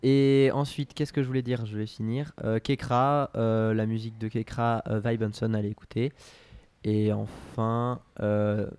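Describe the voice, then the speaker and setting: A man's voice: on the low side, flat delivery, a little slow, a little mellow, smooth, no echo. Rambling, hesitant French-speaking man. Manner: rambling, hesitant, full of restarts. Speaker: podcast co-host. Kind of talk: casual chat.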